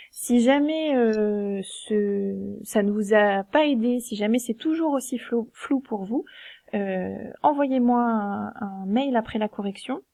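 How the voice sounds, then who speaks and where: Woman teacher, recorded lesson, patient, hesitant, a bit high and warm. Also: dry recording. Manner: patient, explains step by step with many hesitations. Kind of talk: recorded lesson correcting a versification exercise.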